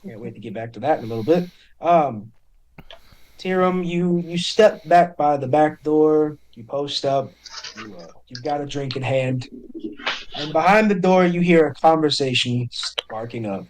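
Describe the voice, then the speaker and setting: A man narrating as game master of a tabletop game, casual and quick to laugh. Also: on the high side, slight background noise, low-quality recording. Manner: casual, laughing, self-correcting.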